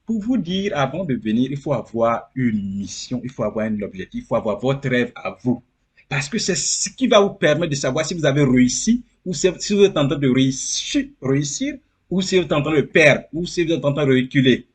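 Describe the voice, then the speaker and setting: A man's voice: medium pitch, lively intonation, a little fast, husky. A man from Côte d'Ivoire, talking as a guest in a casual interview, earnest and repeating phrases for emphasis.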